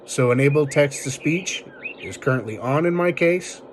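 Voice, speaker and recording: A man's voice: a little high, lively intonation, normal speed, slight background noise. A man hosting a casual tech tutorial, explaining things informally step by step. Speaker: video tutorial host.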